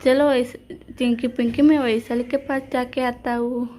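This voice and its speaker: A woman's voice: a little high, level tone, a little slow, dark tone, lightly acted. A woman voicing a protective village father in a doll story, in her own plain storytelling voice. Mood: gentle.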